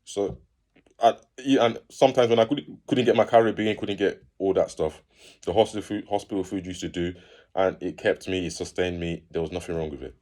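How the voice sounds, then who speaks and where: Very deep-voiced man telling a story. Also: a little fast. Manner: animated, acts out quoted people in raised voices. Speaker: fitness channel host. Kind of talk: casual storytelling.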